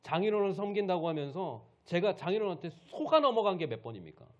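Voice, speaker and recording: A man voicing an indignant biblical man who loudly scolds his uncle with reproachful rhetorical questions. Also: medium pitch, sing-song, normal speed, dull audio, lightly acted.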